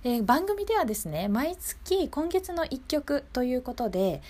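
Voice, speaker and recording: This radio host has a high-pitched voice with big pitch swings and a darkish tone, talking at a moderate pace. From her studio on a local station, she addresses listeners in a polite, conversational way, often inviting their agreement.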